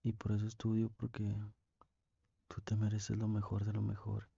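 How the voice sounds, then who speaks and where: Man acting as a young Mexican boyfriend, ASMR role-play, tender, very flat low pitch, dull close recording. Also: vocal fry, husky, dry recording. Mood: tender, devoted. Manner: tender, slow, intimate, with pauses. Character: affectionate young boyfriend on a phone call, tender and lovesick. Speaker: ASMR performer.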